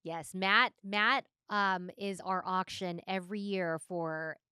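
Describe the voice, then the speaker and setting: A woman co-hosting a podcast, talking casually and chiming in often with agreement. Her voice sits a little low and comes across smooth and resonant. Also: fairly even intonation, sharp tone, no room sound, clean studio sound. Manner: agreeable, quick to affirm with frequent "yeah". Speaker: podcast co-host. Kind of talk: casual chat.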